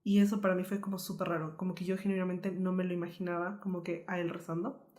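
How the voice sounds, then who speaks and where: A young woman from Colombia earnestly telling a painful personal story as a podcast co-host, in a lively, flowing way. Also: lowish voice, fast.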